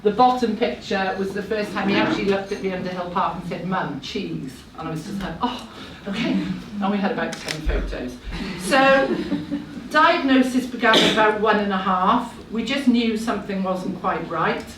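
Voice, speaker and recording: A woman's voice: mid-range voice, a little fast, background noise. Nervous chatty woman in echoey room. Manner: nervous, chatty, self-deprecating asides. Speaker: speaker at a live talk event. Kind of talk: personal story told to a live audience. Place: room with a live audience. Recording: echoey room, voice heard from a distance.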